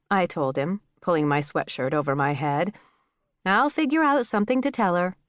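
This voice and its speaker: Lively woman narrating an audiobook. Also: low voice, no room sound, studio quality. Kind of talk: first-person audiobook narration.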